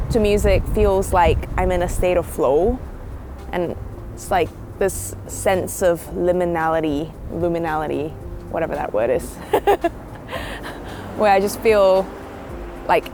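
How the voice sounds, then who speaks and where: A woman, speaking softly and thoughtfully in a reflective documentary interview. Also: fairly low pitch, noisy background. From Australia. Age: 20s. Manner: soft-spoken and thoughtful, slowing down on feelings. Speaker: documentary subject. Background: faint background music.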